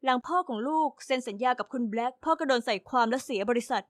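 A weary middle-aged mother in an animated story, soft and tired in her telling, as a woman puts her on. Her voice sits slightly lower and quieter. The sound is dry and close. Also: quick pace, dry recording, lightly acted.

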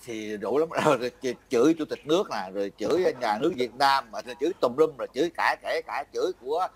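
Older Vietnamese man, fast rambling chat. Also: medium pitch, expressive. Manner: rambling, self-interrupting, laughs often. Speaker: interviewee. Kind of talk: casual chat.

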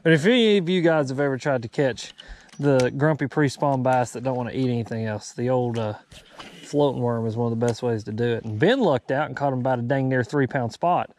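A man hosts a relaxed fishing vlog from a bass boat, joking with his friend and addressing the folks watching. His voice sits at an ordinary middle pitch. Faint outdoor noise runs under the camera mic. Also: a little fast. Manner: joking, chatty, talks to viewers as folks. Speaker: fishing channel host.

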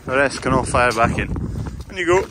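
A young adult farmer with an animated, mid-range voice talks briskly to a body-worn action camera while working cattle in an outdoor yard. It's casual farm vlog narration, with loud outdoor noise and clanking gates in the recording.

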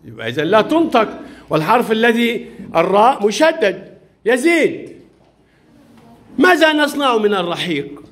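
With a notably high voice, a patient male primary teacher peppers his young pupils with questions, rewarding right answers and softly reprimanding strays. His sing-song delivery moves at normal speed with frequent pauses.

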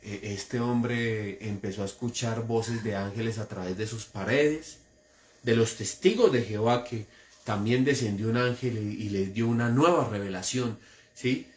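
A man preaching a sermon with a Colombian accent, animated and mocking as he mimics would-be prophets. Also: on the low side, measured pace. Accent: Colombian Spanish. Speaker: pastor. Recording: echoey church room.

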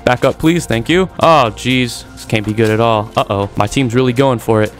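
A man giving excitable live commentary over his own video game play, trash-talking opponents and reacting as he goes. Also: medium pitch, moderate pace. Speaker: gaming YouTuber. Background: game music and gunfire.

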